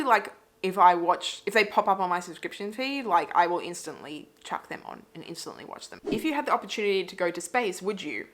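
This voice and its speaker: A woman's voice: mid-range voice, fairly bright tone. A woman in her thirties from Britain hosting a casual sit-down Q&A for her channel, rambling in a chatty way with lots of "like" fillers. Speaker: YouTube reaction channel host.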